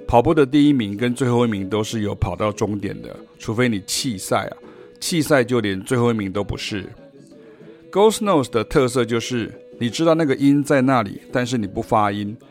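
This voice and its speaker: A man's voice: medium pitch, expressive, normal speed, soft background music. Taiwanese man teaching jazz on a podcast. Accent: Taiwanese Mandarin. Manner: explains through sung rhythm syllables and examples. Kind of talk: podcast music lesson.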